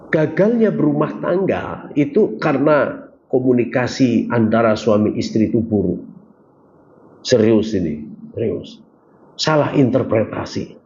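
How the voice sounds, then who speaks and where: A man's voice: mid-range voice, warm tone. A man preaching a casual religious lecture, asking the audience questions and joking with them. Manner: conversational, jokes with the audience, asks them questions. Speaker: Islamic preacher. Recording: dull lo-fi recording with faint ambient noise.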